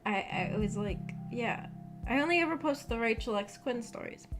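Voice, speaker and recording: A woman livestreamer hosting a visual novel book club rambles casually to her viewers, hesitant and self-deprecating. Her voice is a little high, with lively intonation at normal speed, and background music plays.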